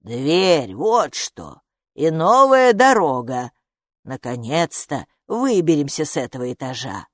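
A woman playing a slow, grumbling underground gatekeeper. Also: deep voice, very animated, dry recording, clean studio sound, heavily acted. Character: gruff underground gatekeeper woman, earthy and stern.

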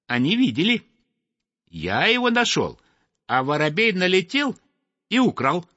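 A man's voice: sits high, wildly swooping pitch, unhurried, pushed and bright, no echo, voice pushed up, full character voice. A man voicing a small timid male sandpiper bird in a storybook reading, pleading and earnest. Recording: dull dry lo-fi recording.

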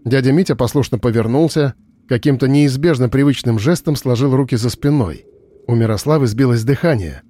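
A man reading an audiobook narration in a steady, even storytelling voice. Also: medium pitch, fairly quick. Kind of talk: scripted narration.

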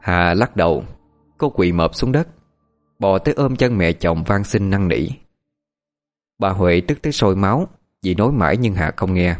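A man giving steady, scripted narration of a ghost story. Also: deep voice, moderate pace, long pauses, soft background music.

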